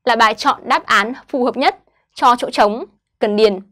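A woman teaching an online English lesson, slowly modeling each English word and then explaining it to schoolchildren. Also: fairly high pitch, a bit bright. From Vietnam.

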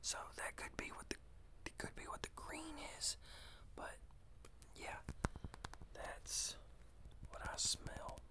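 Slow whispering American man, ASMR. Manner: slow, unhurried, informal whispering. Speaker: fragrance reviewer and ASMR host. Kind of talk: whispered ASMR product review. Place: small indoor room with shelves of bottles. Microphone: close desktop condenser microphone.

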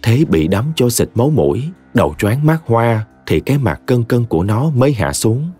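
A man narrating a short story in a dramatic, expressive audiobook reading. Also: mid-range voice, normal speed, slightly rough. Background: soft music.

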